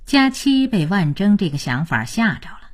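A woman narrating an audiobook in a measured, expressive way. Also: mid-range voice. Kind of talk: storytelling audiobook reading.

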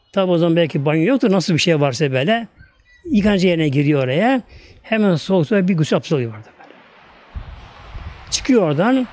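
High-voiced man preaching a sermon. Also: darkish tone. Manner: repetitive, fervent storytelling. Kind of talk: sermon storytelling.

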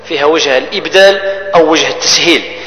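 A man teaches Quran recitation rules, explaining each rule and then chanting the verse slowly as an example. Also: on the high side, a bit bright, slight background noise. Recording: echoey hall with long reverb.

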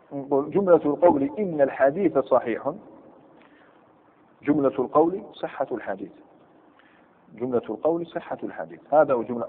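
Higher-voiced man teaching in an echoey hall. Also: slight background noise. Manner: quizzes students, repeats examples. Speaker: teacher of Arabic grammar. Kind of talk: classroom lesson. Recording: tinny lo-fi recording in echoey hall.

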